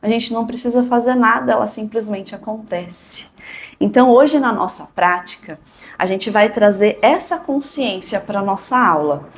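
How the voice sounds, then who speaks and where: A woman with a Brazilian accent leading a yoga and meditation class in a calm, gentle, soothing manner. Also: medium pitch, normal speed, a little hiss or hum. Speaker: yoga instructor.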